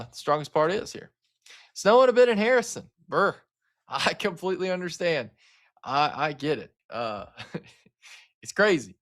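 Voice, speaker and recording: Chatty man from Arkansas hosting weather stream. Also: mid-range voice. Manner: casual, chatty, talks to viewers as guys, frequent fillers. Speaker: livestream weather host. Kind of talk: live weather coverage.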